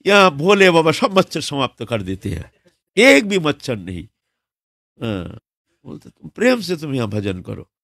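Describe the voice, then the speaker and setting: A man preaching a devotional storytelling sermon in an unhurried way, often pausing with fillers. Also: mid-range voice, gravelly, a bit bright, no room sound, studio quality. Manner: unhurried, with frequent fillers and restarts. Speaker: religious preacher.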